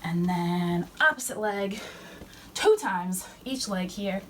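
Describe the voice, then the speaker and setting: A young woman fitness instructor cueing warm-up moves while she exercises, a little out of breath. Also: mid-range voice, lively intonation, takes it slowly. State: slightly out of breath. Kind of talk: workout instruction. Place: fitness center. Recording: distant mic with faint room noise.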